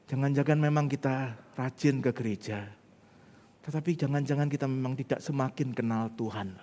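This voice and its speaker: A man preaching a sermon as pastor, swinging from loud urgent appeals to hushed whispers and acting out prayers. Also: medium pitch. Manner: acts out prayers and quoted voices. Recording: long hall reverb.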